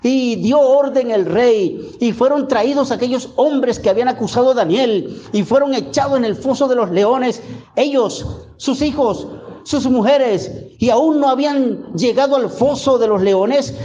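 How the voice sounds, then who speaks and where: A male pastor delivers a sermon, reading scripture aloud and drawing phrases out with emphatic repetition. His voice sits high but sounds mellow and unhurried. The recording is dull and lo-fi. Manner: slow, emphatic, repeats phrases and has the congregation repeat.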